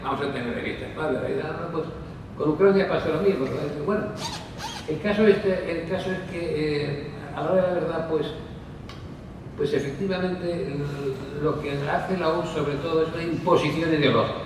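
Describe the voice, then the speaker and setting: A man delivers a meandering panel talk, full of fillers and little asides to the audience. His voice sits a bit high, picked up from far away in a long-reverb hall, with clear background noise. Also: moderate pace. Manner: discursive, with frequent fillers and asides. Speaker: panel speaker. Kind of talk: conference talk. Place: conference hall. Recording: distant mic in echoey hall with noise.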